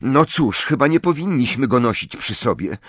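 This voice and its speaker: A man's voice: medium pitch, very animated, fairly bright tone, slightly rough, no echo, studio quality, pitched above the performer's own voice. A man doing a bossy teenage witch girl. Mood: worried, coaxing. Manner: brisk, impatient, fussing.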